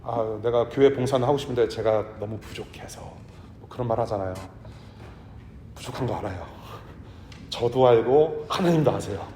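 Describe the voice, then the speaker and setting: A man preaching a sermon to his congregation in a church, talking in a conversational way and sometimes dropping to a hush. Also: medium pitch, moderate pace, a little hiss or hum. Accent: Korean with English words mixed in. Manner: conversational preaching, drops to a hush for tender lines. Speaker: pastor. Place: church sanctuary. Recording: echoey church hall.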